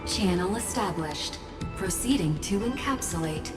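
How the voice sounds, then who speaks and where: A woman voicing an impassive computer system in a video game, with flat, procedural delivery. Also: lowish voice, a little slow. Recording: long reverb, music behind.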